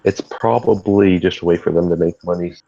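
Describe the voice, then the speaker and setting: A man chatting casually on a livestream, laid-back and a bit halting. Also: low-pitched, steady tone, dark tone, highs cut off.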